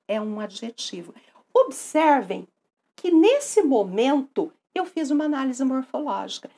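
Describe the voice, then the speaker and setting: A woman with a Brazilian Portuguese accent teaching a recorded grammar lesson, lively and affectionate, often asking her students questions. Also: on the high side, slightly rough.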